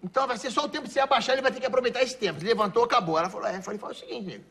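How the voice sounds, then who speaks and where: A man's voice: extremely high pitch, expressive, rapid-fire, fairly bright tone, slight background noise. A man telling comic stories in an interview, laughing at his own jokes as he rambles toward each punchline.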